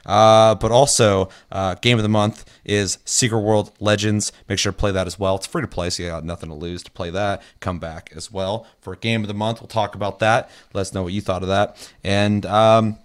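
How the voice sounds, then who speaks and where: A man's voice: lowish voice, level tone, normal speed, hardly any pauses, smooth. A hungover man hosting a casual gaming podcast, joking and swearing as he struggles a little to get his words out. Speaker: podcast host.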